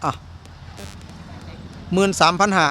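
A man's voice: slow pace, sharp tone, faint music behind. A man with an Isan, northeastern Thai accent presenting like a live seller, repeating prices and calling to viewers in an outdoor market. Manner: repetitive sales patter addressing viewers. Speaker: cattle market video host. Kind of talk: live sales commentary, quoting prices to viewers. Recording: outdoor market ambience, background noise.

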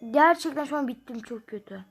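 A woman's voice: high voice, animated, a little fast. A young woman playing a mobile number game, commenting casually and grumbling in frustration as she counts numbers aloud.

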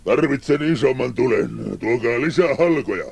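A towering, ugly puppet-theatre master in a storybook cassette, his gravelly voice swooping widely as he blusters and barks commands at everyone around him. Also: lively intonation, a little mellow, no echo. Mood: furious. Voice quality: gravelly, booming. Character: huge ugly bearded male puppet-theatre boss, fiery.

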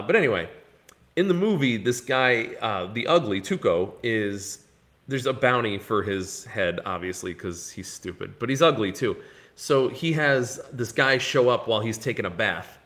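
A man hosting a casual podcast, telling stories in an animated way and acting out the scenes he describes. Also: medium pitch. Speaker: podcast host. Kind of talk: casual movie-talk podcast chat.

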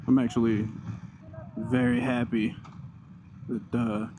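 A man's voice: medium pitch, flat delivery, slow pace. A man giving casual, enthusiastic first-impression commentary as a motovlogger, his voice enclosed inside a helmet with the mic close to his mouth. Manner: laid-back enthusiastic, talking to himself and viewers while riding. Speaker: motorcycle vlogger. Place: inside a helmet on a moving motorcycle, outdoors. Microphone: helmet mic right in front of the mouth. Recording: wind and engine noise in helmet. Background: motorcycle engine, wind noise.

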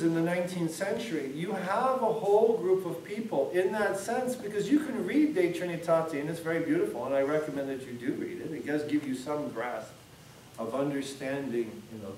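A man's voice: high-pitched, darkish tone, a little hiss or hum. A middle-aged man, a priest, teaching a class in a conversational, rambling way with frequent restarts. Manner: conversational, discursive, many restarts. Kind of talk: informal classroom lecture. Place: church hall classroom. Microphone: far camera. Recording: echoey room from far off.

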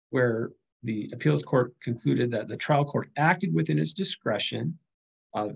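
A man's voice: mid-range voice, gravelly, darkish tone, husky, poor audio. A middle-aged man giving a recorded slide lecture on legal studies, speaking conversationally with frequent fillers and restarts.

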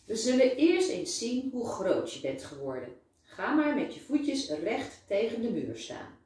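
A kind, joking male doctor from a children's storybook, teasing a little patient, as a woman reads him aloud. The delivery is slow and the tone mellow. It sounds distant from the mic, in a strongly echoing room. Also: on the high side, very animated, voice pushed up. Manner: playful, teasing. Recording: very echoey room, voice far from mic.

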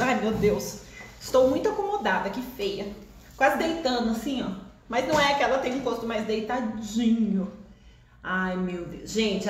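A woman's voice: high voice, reverberant. A Brazilian woman hosting a live crochet session, chatty and laughing often, with a lingering cough, seated in a shop. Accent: Brazilian Portuguese. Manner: chatty, warm greetings to viewers, laughs often. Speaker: crochet teacher. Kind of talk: live-stream crochet chat.

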